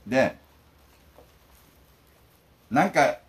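A man's voice: mid-range voice, drawn-out words, low-quality recording. A talkative middle-aged man, the manager of a bento shop, telling stories in casual chat. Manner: talkative, lively storytelling.

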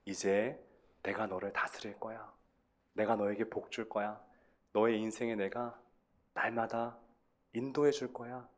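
A man voicing God, who speaks to a man slowly and quietly with reassuring promises. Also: on the low side, level tone, close to an everyday voice. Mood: gentle promise.

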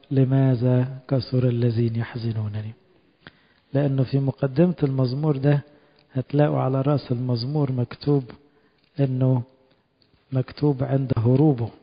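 Husky Egyptian priest preaching in a hall. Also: male voice, mid-range voice. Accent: Egyptian Arabic. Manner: expressive storytelling, reads scripture slowly and quotes with feeling. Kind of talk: sermon. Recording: dull lo-fi recording in a reverberant church hall.

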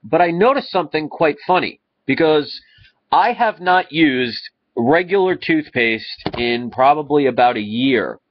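He's a thirty-something vlogger with a blocked-up nose, speaking unhurriedly in a slightly high, expressive voice to the camera in his living room. Earnest and rambling, he often starts over, and the webcam recording is lo-fi and a bit dull.

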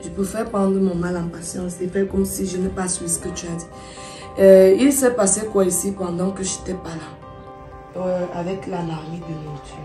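A woman playing a stepmother in a comedy web series, scolding in a formal, measured way. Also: fairly low pitch, steady tone, reverberant, distant mic, over music.

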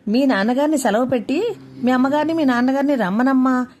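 A woman's voice: high-pitched, fast, darkish tone, a little hiss or hum, voice pushed up, natural voice. Woman reading as a blunt, weary mother-in-law. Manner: blunt, firm refusal.

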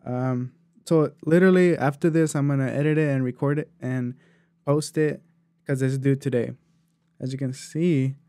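A man's voice: a little high, warm tone, no room sound. A man hosting his own podcast, talking loosely and chattily with plenty of fillers while he eats a meal. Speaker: podcast host. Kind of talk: casual solo podcast talk.

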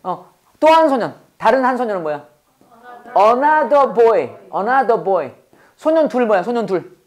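A woman's voice: on the high side, very animated, unhurried, a little mellow. A woman teaching an English class to students, drilling terms by call and response and joking between points.

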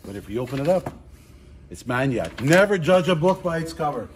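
A middle-aged man giving a casual walking tour of a large warehouse as an auctioneer, chatty and playful, listing items in quick repeats. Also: a little high, big pitch swings. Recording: roomy warehouse echo, faint background noise.

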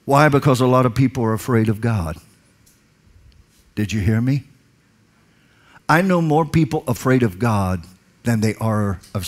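A man in his forties preaching a sermon on a dark stage through a headset mic, swinging from hushed lines to loud emphatic calls. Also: medium pitch. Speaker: pastor. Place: large dark stage, indoors.

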